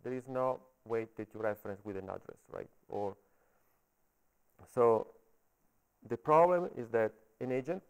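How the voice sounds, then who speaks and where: A man with an Italian accent giving a technical talk at a meetup, halting and often checking in with the audience. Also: medium pitch, a little mellow, clear, resonant tone, rough recording. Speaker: conference speaker. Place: coworking space meetup room.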